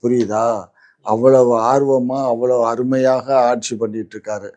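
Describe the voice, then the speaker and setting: A man's voice: mid-range voice, fairly even intonation, moderate pace, warm tone, lo-fi sound. A man answering interview questions for his party in a defensive, scolding, emphatic way. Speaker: party spokesman. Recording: noisy interview recording.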